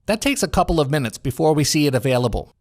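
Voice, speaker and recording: Recorded dry in a home studio without any echo, an American man with a slightly high voice narrates a scripted software walkthrough. His delivery is measured and instructional, with a sing-song lilt.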